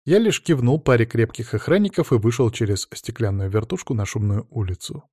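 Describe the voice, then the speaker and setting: A man narrating an audiobook in first person, in a steady, matter-of-fact way. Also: mid-range voice, a little fast, breathy edge, dry recording, clean studio sound.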